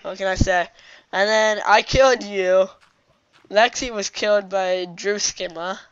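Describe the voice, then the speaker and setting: A woman's voice: mid-range voice, steady tone, unhurried, dry recording. A woman chatting casually while gaming, in a slangy way full of dude and bruh. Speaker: gamer. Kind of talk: casual gaming chat during play. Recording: dull lo-fi mic with clear noise.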